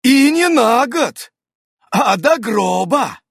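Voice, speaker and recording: A man voicing a calm, slightly boastful man who reassures and teases in a read-aloud story. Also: very high voice, extremely slow, breathy edge, no echo, studio quality, voice pushed up, heavily acted. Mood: reassuring.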